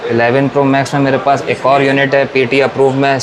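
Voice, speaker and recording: Male Pakistani seller, mid-pitched and even-toned, repetitive price-list pitch, noisy room. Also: a little fast. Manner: repetitive, salesman-like patter. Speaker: phone shop seller. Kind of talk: sales pitch listing models and prices. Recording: noisy room with clear background noise.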